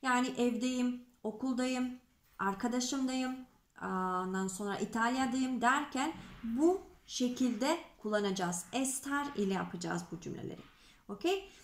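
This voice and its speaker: A woman teaching Spanish grammar to Turkish speakers, slow and patient, repeating examples and checking in with her students. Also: on the high side, reverberant, slight background noise. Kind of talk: explaining grammar to Turkish learners.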